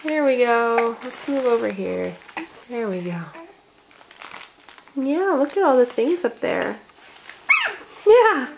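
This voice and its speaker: A woman talking softly to her baby as a parent, in slow, cooing, encouraging baby talk. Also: fairly high pitch, expressive, gravelly, noisy background.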